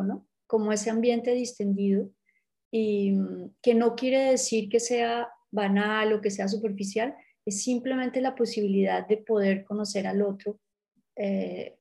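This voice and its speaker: A woman's voice: mid-range voice, vocal fry, dark tone. A middle-aged woman from Colombia being interviewed, speaking reflectively and unhurriedly with frequent hesitations and restarts. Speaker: art world interviewee.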